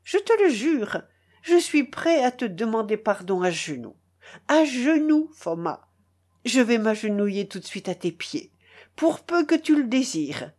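A woman's voice: fairly high pitch, sing-song, unhurried, a little mellow. A woman reading the part of a remorseful male colonel in a storybook, pleading and apologizing effusively. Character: flustered, remorseful male colonel, eager to please.

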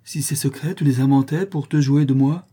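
A man's voice: lowish voice, a little slow, dark tone, slightly rough. Man voicing a seductive cunning woman, half-whispered. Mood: suspicious. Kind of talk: audiobook character reading.

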